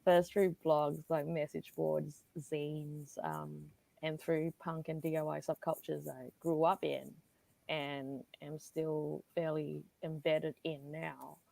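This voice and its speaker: A woman's voice: deep voice, little pitch movement, takes it slowly, gravelly, mellow. A woman from Singapore, a guest writer in a conversational panel interview, talking casually with many fillers and asides.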